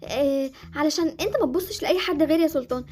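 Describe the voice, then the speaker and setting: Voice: high-pitched, very fast, a little mellow, lightly acted. A young voice playing Jessie, a lovesick girl with an Egyptian accent. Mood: excited. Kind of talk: Roblox roleplay series acting.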